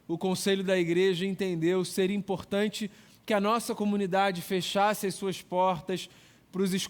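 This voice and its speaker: A Brazilian man speaking as a pastor to an online congregation, with measured, deliberate phrasing. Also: high-pitched.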